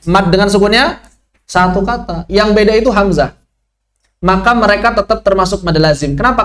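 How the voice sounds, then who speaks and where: A man's voice: high-pitched, fairly bright tone. A man teaching Quran recitation rules in an online lesson, asking questions and answering them himself.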